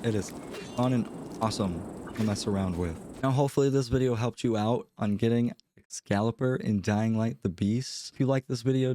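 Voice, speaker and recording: A man's voice: mid-range voice, warm tone, no echo. A man with a cold and a nasal, stuffy voice, giving a casual game walkthrough voice-over with unsure, hedging asides. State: congested from a cold. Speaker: gaming channel host.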